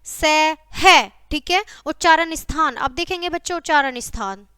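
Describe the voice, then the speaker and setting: Bright high-voiced woman teacher. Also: a little slow, no echo, studio quality. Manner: repeats "ठीक है" and addresses "बच्चों" constantly; lists example words one by one. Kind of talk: classroom grammar lecture.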